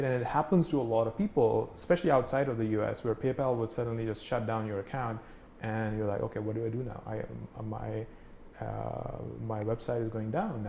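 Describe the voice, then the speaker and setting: A man's voice: mid-range voice, mellow. A man from Pakistan explaining things in a casual conversational way, full of fillers and "right?" checks. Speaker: instructor. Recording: echoey room, faint noise.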